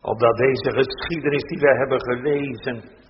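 In a church service, a male pastor gives a slow, grave scripture reading, building emphasis on important phrases. His mid-range voice stays fairly even in intonation and rings out in long reverb, while the audio is muffled, dull, and carries faint noise.

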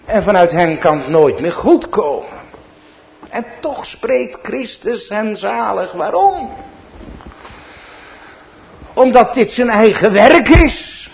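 A male pastor with a Dutch accent delivers a sermon at a deliberate, unhurried pace, his slightly raised voice swelling to emphatic peaks. The recording is muffled and lo-fi, with faint background noise. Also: high-pitched. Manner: preaching with rising, emphatic peaks.

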